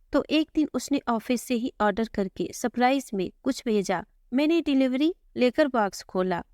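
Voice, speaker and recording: Speaking gently and conversationally, a fairly high-voiced woman shares a first-person family story, using her ordinary tone even for the dialogue. The close mic leaves the recording dry, with no echo from the room.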